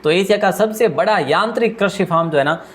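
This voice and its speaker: A male teacher runs a rapid exam-prep quiz with a slightly high voice. He speaks quickly and keeps asking his questions aloud, then answers them himself. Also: a bit bright, a little hiss or hum. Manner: deliberately speaks fast.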